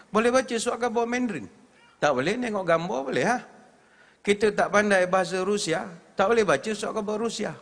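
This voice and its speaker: A man's voice: high-pitched, a bit bright. A Malaysian Malay man preaching a humorous religious lecture on stage, telling comic stories and breaking into chanted recitation. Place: large hall on stage. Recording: reverberant hall.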